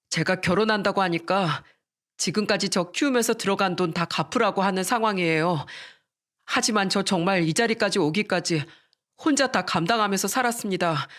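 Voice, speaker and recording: A woman's voice: medium pitch, a bit bright, close to an everyday voice. A woman voicing an earnest, resolute young man who is a doctor-to-be groom.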